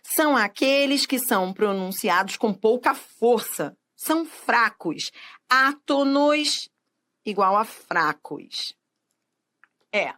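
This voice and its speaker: A woman teaching grammar in a video lesson, speaking straight to the viewer, asking and answering her own questions, and drawing out example words slowly. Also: medium pitch, animated, fairly bright tone.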